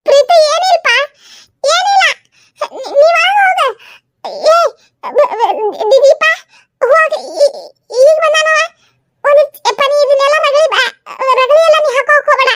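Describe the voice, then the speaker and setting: A woman's voice: moderate pace, a bit bright, no echo, studio quality. A woman voicing a nervous young daughter-in-law in a comedy skit, stammering in a North Karnataka Kannada accent. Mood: flustered. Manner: nervous, high-pitched, stammering.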